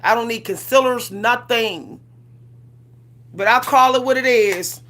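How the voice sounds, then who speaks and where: A livestream host in her 40s chats through a sassy, casual rant, laughing often and repeating herself in colloquial speech. She talks a little slowly, with a fairly high pitch and fairly bright tone.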